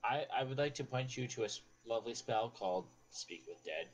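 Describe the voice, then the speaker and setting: A man's voice: medium pitch, lively intonation, a little fast. A man chatting casually as a player in a tabletop role-playing game.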